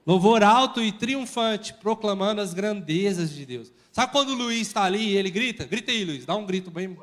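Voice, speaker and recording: A man preaching a sermon as pastor in a church, lively and urging the congregation to repeat words and shout. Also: sits high. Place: church hall with live congregation.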